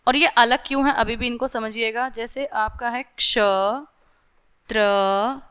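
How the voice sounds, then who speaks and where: Bright, clear-voiced woman teacher. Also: fairly high pitch, steady tone. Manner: explanatory, repeats "ठीक है?" to check understanding, sounds letters out slowly; mixes English words into Hindi. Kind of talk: classroom lesson for young children.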